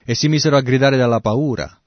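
A man's voice: medium pitch, quick pace, no echo, lo-fi sound. A man preaching a sermon, reading scripture and explaining it, now and then acting out the quoted lines. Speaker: pastor. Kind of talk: sermon, Bible exposition.

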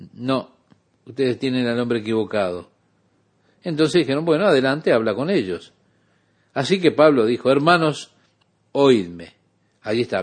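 Man, preacher, sermon storytelling, voiced dialogue, mid pitch. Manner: retells scripture with voiced dialogue and asides.

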